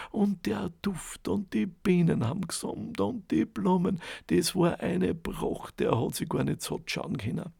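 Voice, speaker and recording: A man tells a fairy tale aloud in a dramatic way. His voice is deeply gravelly and husky, with a lively, swooping pitch. Words are drawn out or dropped to a hush, and the recording is dry and close. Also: no echo. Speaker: storyteller. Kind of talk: oral fairy-tale storytelling.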